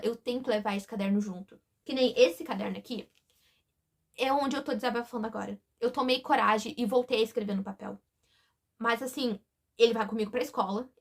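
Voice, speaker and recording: A woman speaking in a hesitant, emotional, confiding way in a confessional vlog, often breaking off and restarting. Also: fairly high pitch. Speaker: vlogger.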